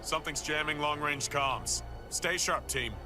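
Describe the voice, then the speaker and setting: An actor, a man, playing a noble, steady pilot and squad leader in a video game cutscene, earnest and commanding. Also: on the high side, unhurried, music in the background, natural voice. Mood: firm, serious.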